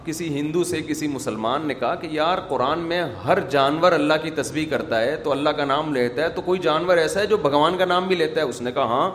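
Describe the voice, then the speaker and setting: A man preaching a sermon, telling stories with sharp swings between loud and soft. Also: fairly high pitch. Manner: animated storytelling with sharp swings in loudness. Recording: echoey hall with faint noise.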